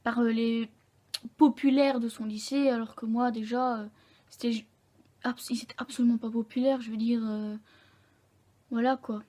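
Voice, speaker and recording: A young woman vlogger telling a personal story to camera in a candid, halting way, often correcting herself mid-sentence. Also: a little high, flat delivery, warm tone.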